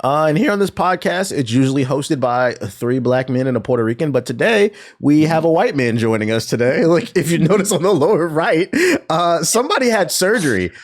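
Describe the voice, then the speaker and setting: A man's voice: on the high side, expressive, a little fast. A man hosting a podcast in a casual, profanity-sprinkled conversational way. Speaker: podcast host.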